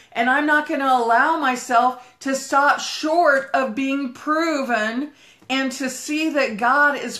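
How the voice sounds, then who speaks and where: A woman pastor giving a fervent livestreamed Bible teaching, talking fast as she walks and breaking into prayer. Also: high-pitched, pushed and bright, reverberant. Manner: talks fast while walking.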